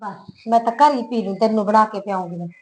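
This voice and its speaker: A woman playing a fretful, sharp-tongued village woman with a Punjabi accent, who scolds, calls out loudly and frets about gossip. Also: medium pitch, fast talker, natural voice. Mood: scolding. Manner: scolding, anxious about gossip, loud when calling. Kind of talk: comic short-film acting.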